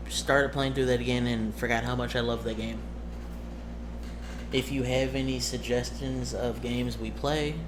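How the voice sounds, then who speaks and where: Talking informally to his audience, this game master and streamer rambles, stops and starts, and keeps fixing what he says. His voice is mid-range, heard against a noisy background.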